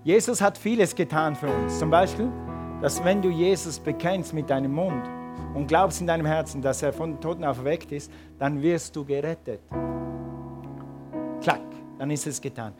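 A man's voice: on the high side, moderate pace, music in the background. A man preaching a sermon and calling his congregation to respond. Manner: preaching with rising emphatic calls to the congregation. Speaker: pastor.

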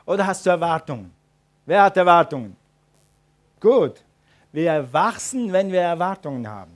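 A man's voice: high-pitched, very animated, normal speed. A man preaching a sermon and calling his congregation to respond. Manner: preaching with rising emphatic calls to the congregation. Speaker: pastor.

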